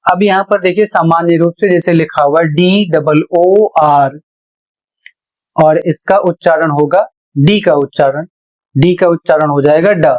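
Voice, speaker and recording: Slow, deliberate male pronunciation teacher. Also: on the high side, darkish tone. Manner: deliberate, spells words letter by letter. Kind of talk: classroom-style explanation.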